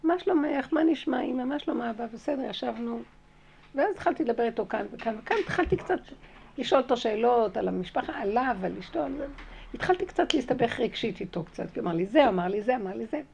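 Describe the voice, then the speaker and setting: Woman, spiritual group teacher; fairly high, gravelly voice; animated, emphatic storytelling lesson. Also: a little hiss or hum. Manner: animated storytelling that re-enacts her own dialogue; emphatic, repeating key phrases. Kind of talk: spiritual teaching told through personal story.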